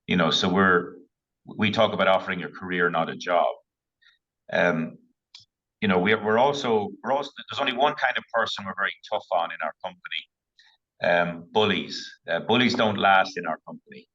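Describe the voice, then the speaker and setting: A man's voice: deep voice, moderate pace, pushed and bright, highs cut off. A man speaking as a panel guest, firm and plain-spoken, with fillers. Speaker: panel guest, company leader. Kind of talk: webinar panel answer.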